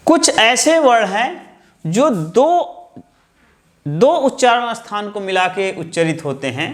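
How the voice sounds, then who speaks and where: A man's voice: high voice, sing-song. A man teaching a grammar lesson, explaining step by step and repeating key terms. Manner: slow, explaining step by step with counted lists.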